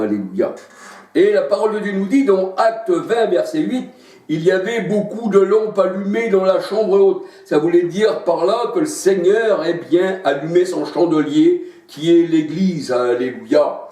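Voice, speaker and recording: Slow, echoey French-speaking preacher. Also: male voice, high-pitched, warm tone. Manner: halting, searches for verses, frequent hallelujahs. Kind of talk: sermon. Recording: echoey room, voice far from mic.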